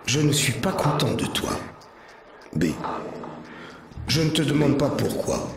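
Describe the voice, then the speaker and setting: A man giving a slow, measured dramatic reading of a dialogue, shifting between characters, heard from a distance in a roomy space with music behind him. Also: mid-range voice, animated, creaky, background noise. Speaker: reader.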